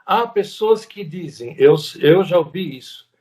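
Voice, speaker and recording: A man's voice: high voice, lively intonation, unhurried, a little mellow. A man with a Brazilian Portuguese accent giving a spiritual lecture at a spiritist center, talking conversationally and repeating words for emphasis.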